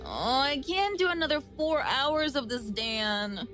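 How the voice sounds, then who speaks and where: Woman playing a fed-up young coworker, slow and sing-songy, music faintly behind. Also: high voice, very animated, fairly bright tone, heavily acted. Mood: exasperated. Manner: groaning, stuttering. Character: exasperated young female coworker, nervous.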